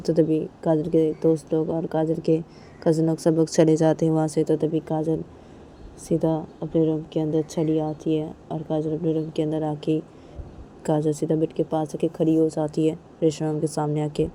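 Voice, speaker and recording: A woman's voice: sits low, monotone, moderate pace, warm tone, a little hiss or hum. A woman narrating a romance story casually, linking scenes with repeated "then" phrases. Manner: repetitive linking with "तो तभी".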